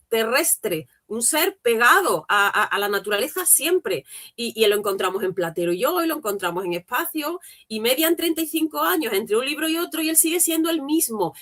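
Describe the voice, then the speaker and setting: A woman's voice: fairly high pitch, a bit bright. A woman from Spain, a philologist guest, speaking emphatically and stacking phrases as she builds a point. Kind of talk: passionate interview answers.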